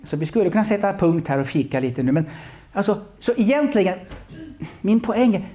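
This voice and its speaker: Animated Swedish male preacher. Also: high voice. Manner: animated, repeats words, swings from loud calls to quiet asides. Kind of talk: sermon.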